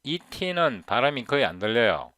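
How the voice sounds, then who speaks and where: A man in his fifties explaining English pronunciation in a casual tutorial, repeating words slowly to show how they sound. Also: medium pitch, very animated, a bit bright, no room sound. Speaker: software developer teaching English pronunciation. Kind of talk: casual screen-recorded tutorial.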